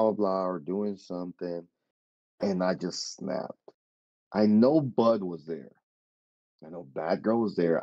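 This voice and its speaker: A man's voice: low voice, no room sound, muffled recording. A man telling a story in casual podcast chat, acting out the dialogue and swearing freely. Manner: animated retelling with quoted dialogue, swearing. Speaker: podcast guest.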